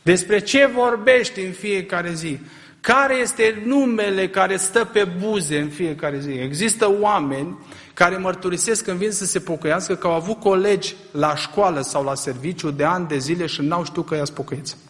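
A middle-aged male preacher with a high voice delivers an impassioned sermon. He fires rhetorical questions at his listeners and climbs to loud peaks. His voice rings out with the long reverb of a large church hall.

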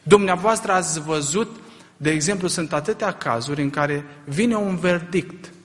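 A middle-aged man preaching a sermon, pressing his listeners with rhetorical questions that swell to loud, impassioned peaks. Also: fairly high pitch. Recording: long reverb of a large hall.

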